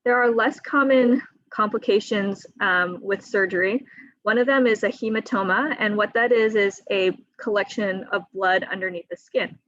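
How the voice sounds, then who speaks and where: A woman surgeon on a video call, explaining surgery risks to patients in a clear, teaching manner with a few fillers. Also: mid-range voice, moderate pace, a bit bright, dry recording, muffled recording. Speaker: thyroid surgeon. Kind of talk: patient education talk. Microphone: computer mic on a video call.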